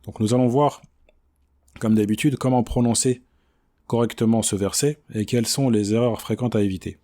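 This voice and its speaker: A man giving a tajwid lesson, patiently explaining pronunciation, checking in with "d'accord?" and slowly modeling each word in a drawn-out recitation. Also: mid-range voice, steady tone, mellow. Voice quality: chants the verse in a slow drawn-out recitation. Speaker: Quran recitation teacher.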